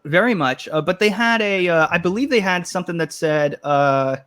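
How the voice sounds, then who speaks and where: Male show host, casual panel chat, a touch high-voiced, loose and rambling delivery. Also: lively intonation, moderate pace, a bit bright, smooth. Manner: rambling, restarts, reads chat comments aloud.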